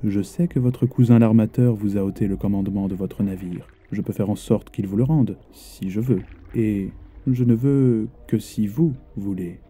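A man voicing a sinister, supernatural tall gentleman who speaks in a smooth, measured, quietly menacing way. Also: on the low side, soft background music. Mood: coaxing.

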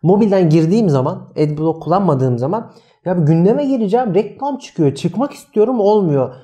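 A man co-hosting a casual marketing podcast, talking in an animated, emphatic way. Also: high-pitched, normal speed. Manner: animated, emphatic, addresses co-host by name. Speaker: podcast co-host.

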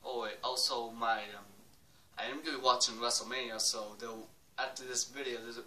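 A man's voice: mid-range voice, fairly even intonation, fairly quick, pushed and bright. A teenage man, slightly under the weather, chatting casually to camera as an amateur ventriloquist and host. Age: teens. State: a bit sick. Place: bedroom, indoors. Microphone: webcam at arm's length or more. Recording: noisy, echoey room, distant webcam mic.

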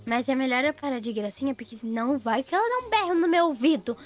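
A woman's voice: sits high, expressive, fast. A woman voicing an anxious, lazy young housemaid who pleads not to be fired. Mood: panicky. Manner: frantic pleading, fretful self-talk. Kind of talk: Roblox role-play voicing.

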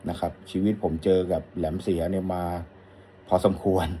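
A middle-aged man with a deep, very dark and mellow voice talks casually as an audio shop owner. He rambles in a friendly, polite way while answering a customer's question, with a faint noise under the recording. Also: flat delivery, normal speed. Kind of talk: casual talk to camera.

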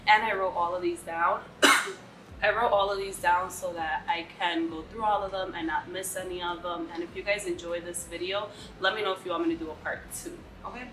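A woman's voice: lowish voice, fairly even intonation, brisk, roomy sound, background noise. A woman in her twenties from the Dominican Republic, chatting casually to camera with a stuffy nose from a cold. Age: 20s. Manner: chatty, slangy, addresses viewers directly. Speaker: vlogger. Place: bright living room, indoors.

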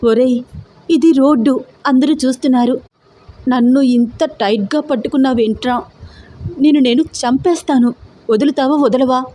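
A woman's voice: high-pitched, moderate pace, long pauses, dark tone, a little hiss or hum, pitched above the performer's own voice, lightly acted. A woman voicing an angry, hurt young woman in love who scolds and threatens through tears.

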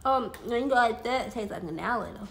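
A woman's voice: a little high, lively intonation, fast talker, gravelly, a bit bright, roomy sound. A woman co-hosting a casual taste-test video, talking with her mouth full of candy in short murmured reactions. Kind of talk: casual chat while tasting candy. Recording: noisy, with wrapper crinkling.

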